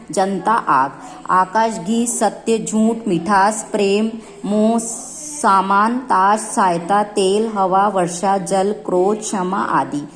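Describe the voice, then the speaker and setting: A woman teacher giving a grammar lesson, explaining each rule step by step and repeating her examples. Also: mid-range voice.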